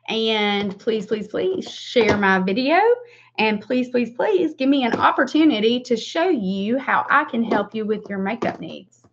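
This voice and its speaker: Pitched on the high side and a bit bright, this voice comes with slight background noise. The speaker, a Southern-drawling woman in her forties who hosts beauty livestreams and sells makeup, chats and rambles through a tutorial, poking fun at herself, on a dull lo-fi webcam stream.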